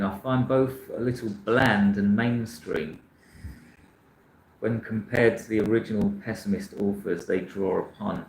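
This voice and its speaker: Poor audio with a roomy feel and slight background noise captures a lowish male voice. It belongs to a book channel host from South London chatting casually through viewer comments, frank and rambling, frequently starting sentences over as he self-corrects.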